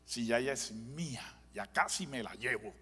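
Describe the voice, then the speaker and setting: A man's voice: mid-range voice, lively intonation, normal speed, fairly bright tone, slightly rough, faint music behind. A man voicing a menacing demon in a retold story, with possessive threats, heard with long church reverb. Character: menacing demon speaking through a woman.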